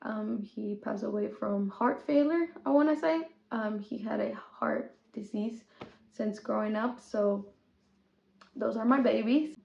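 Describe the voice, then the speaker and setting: A woman's voice: on the high side, unhurried, gravelly, a little mellow. Chatty young woman, echoey room. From Mexico. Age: 20s. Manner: chatty, code-switching, with small laughs. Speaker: podcast host. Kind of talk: casual chat mixing English and Spanish. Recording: echoey room, dull lo-fi sound.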